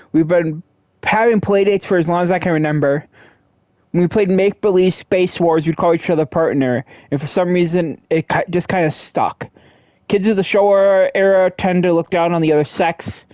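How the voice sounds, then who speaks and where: A man with a fairly high voice gives casual, joking commentary while he plays through a game. He reads the on-screen text aloud in an offhand way and drops quick asides. The sound is dry and close, with no room echo. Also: darkish tone. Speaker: let's play streamer.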